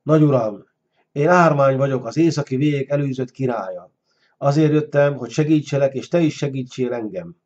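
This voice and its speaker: A man voicing a scheming, flattering deposed king who wheedles and bargains, on a dull lo-fi recording. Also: mid-range voice, close to an everyday voice. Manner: wheedling, sly.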